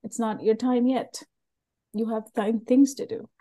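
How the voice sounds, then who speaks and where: Speaking at a measured pace, a middle-aged Sri Lankan guest who devised a learning method recounts her story in a candid interview. Her fairly high, mellow voice stays fairly even in intonation, and her earnest, open telling wanders in loose phrases.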